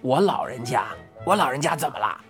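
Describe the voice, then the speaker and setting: Female narrator putting on a deep-voiced, sly old man in a storybook, teasing and drawn-out. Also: animated, faint music behind. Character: odd eccentric old man, sly and unhurried.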